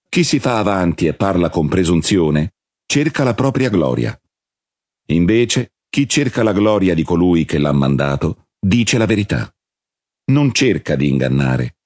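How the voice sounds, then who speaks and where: A man reading the part of a calm, solemn male religious teacher in a measured, husky voice. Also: sits low, no room sound, clean studio sound.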